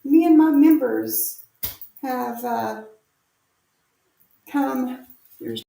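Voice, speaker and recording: Hosting an online audio chat room from her bathroom, a woman talks casually in a high, very slow, gravelly yet warm voice, tossing in little repeated words like "yes, yes." The room gives her a cave-like echo, she sits far from the mic, and there's faint noise plus a generator humming behind her.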